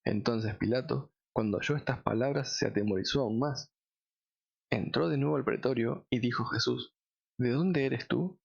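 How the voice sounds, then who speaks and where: A man reading scripture aloud in a measured, solemn way. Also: mid-range voice, fairly even intonation, vocal fry, dull audio. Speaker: Bible reader.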